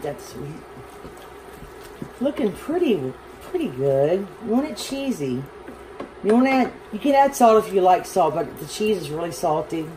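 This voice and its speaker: This Southern home cooking vlogger has a lowish voice and is very animated, though she talks a little slowly. She rambles casually and teases herself while demonstrating a dish, filmed from an overhead camera on the stove. The kitchen is noisy with a loud fan running.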